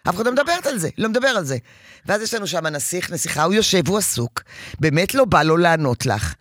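A woman counseling a parent in an emphatic, animated advice session. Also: fairly low pitch, no echo, studio quality.

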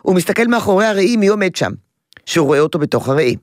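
An older woman speaks into a studio microphone, the sound dry and close. She hosts a call-in advice show as a child therapist. She explains things in a lively way and often slips into the voices of the children she describes. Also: lowish voice, no room sound. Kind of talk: call-in radio advice talk. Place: radio studio.

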